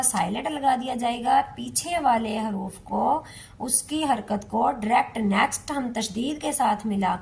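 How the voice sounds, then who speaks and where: In a slow, step-by-step lesson, a woman with a fairly high voice teaches Quran recitation to beginners, patiently repeating each syllable and drawing it out.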